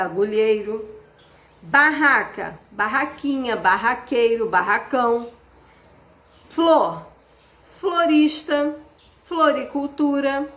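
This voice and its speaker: A woman teacher giving a patient remote lesson, slowing down to stress key words. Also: on the high side, fairly bright tone. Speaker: schoolteacher. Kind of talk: remote class instructions. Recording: echoey room.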